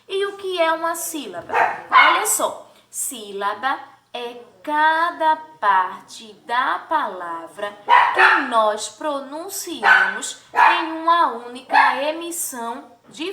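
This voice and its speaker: A high, bright woman teaching young children, stretching each word slowly and lifting her voice into sing-song questions. She sounds set back from the mic in an echoey room. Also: recorded from a distance, a little hiss or hum. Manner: slow, drawn-out syllables for children. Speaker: primary school teacher. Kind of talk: remote children's lesson.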